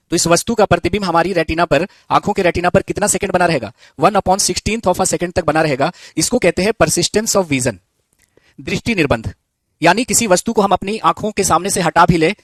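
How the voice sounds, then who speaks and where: A male teacher with a fairly high voice gives a physics lesson to students. He asks the class a question, answers it himself, and repeats each key term slowly. The sound is close and dry, with no room echo. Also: fairly bright tone. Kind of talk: live online physics lesson.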